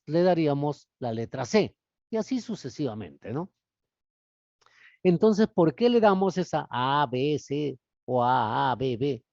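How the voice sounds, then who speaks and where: A man's voice: a little high, mellow, no echo. Man lecturing in a muffled recording. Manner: explains step by step, asks the class rhetorical questions. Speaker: literature teacher. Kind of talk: classroom lecture.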